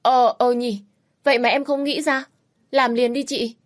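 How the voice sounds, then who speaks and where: A woman voicing an anxious young woman who answers quickly and eagerly, in a storybook reading. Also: mid-range voice, pitched above the performer's own voice, close to an everyday voice. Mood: worried. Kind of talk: storybook narration.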